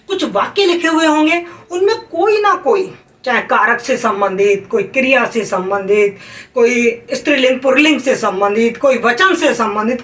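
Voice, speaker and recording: A woman teaching Hindi grammar for an exam, stressing the rules, repeating them and asking the class if it is clear. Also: fairly high pitch, fairly bright tone. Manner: calls students "beta". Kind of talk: exam-prep lesson. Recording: roomy sound from a distance.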